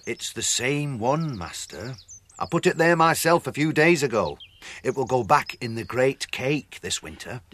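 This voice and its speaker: A man's voice: medium pitch, lively intonation, fairly bright tone. A solemn fairy king. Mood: calm. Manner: measured, solemn and reproachful. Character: quiet male apprentice revealed as a stern fairy king. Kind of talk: radio drama acting.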